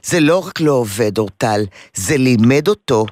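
A man's voice: medium pitch, animated, darkish tone, no echo, clean studio sound. A man giving parenting advice who acts out everyday scenes in quoted voices. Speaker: parenting advisor. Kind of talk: advice consultation.

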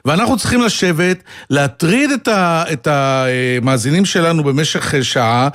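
A man's voice: on the high side, lively intonation, a bit bright, no room sound, studio quality. A man hosting a morning radio show, arguing politics in a sarcastic, mocking way. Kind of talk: heated on-air political debate.

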